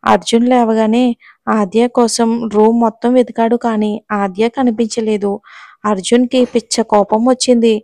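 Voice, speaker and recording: A woman reading a romance novel aloud as a storyteller, in a steady, even narration. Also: a little high, normal speed, dry recording.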